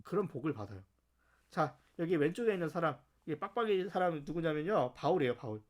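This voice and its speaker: A man with a high voice leading a church mission training class. He tells Bible stories in an animated, conversational way, tossing in quick rhetorical questions to his listeners. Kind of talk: church lecture.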